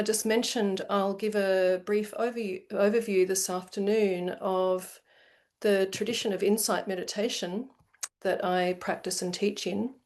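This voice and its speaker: A woman's voice: medium pitch, a little mellow. Aussie woman explaining meditation online, chatty, lots of ums and restarts. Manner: conversational, with many fillers and restarts. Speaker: meditation teacher. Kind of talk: informal lecture. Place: online video session.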